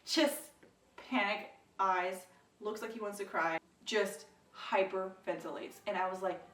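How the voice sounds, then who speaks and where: A young woman tells her story in a casual, animated way, raising her voice as she acts out what people said. Her voice sits at a middle pitch for a woman. The sound is roomy, and she is a little away from the mic. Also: unhurried, recorded from a distance. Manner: animated, acts out quoted lines with rises in pitch and volume. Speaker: vlogger telling her birth story.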